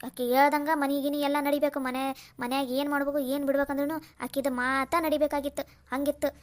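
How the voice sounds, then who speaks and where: A nosy older village woman, voiced by a woman with a North Karnataka Kannada accent, chatting and gossiping about family matters. Her voice is high. It sounds like a cartoon village scene. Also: level tone, brisk, close to an everyday voice. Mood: chatty. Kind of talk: cartoon voice acting.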